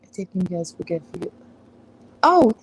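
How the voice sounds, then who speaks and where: A woman's voice: fairly low pitch, very animated, moderate pace, slight background noise, low-quality recording. A woman hosting an astrology livestream, chatting casually on a farm, rambling and sidetracking with frequent laughs. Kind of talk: casual live-stream chat. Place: outdoors on a farm.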